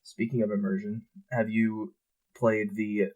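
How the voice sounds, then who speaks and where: Laid-back lower-voiced man chatting. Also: unhurried, highs cut off. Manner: relaxed, swears freely. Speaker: podcast co-host. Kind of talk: casual chat.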